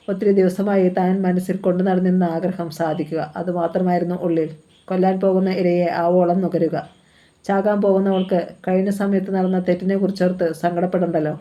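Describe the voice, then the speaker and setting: A woman narrating a novel aloud in a steady, even storytelling manner. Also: on the low side, dull audio. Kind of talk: novel reading.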